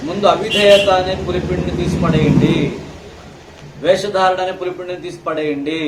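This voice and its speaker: Captured from afar in an echoing hall with faint room noise, a male pastor delivers a rapid, scolding sermon. He pelts the congregation with rhetorical questions, alternating between loud eruptions and quiet, low-voiced lines.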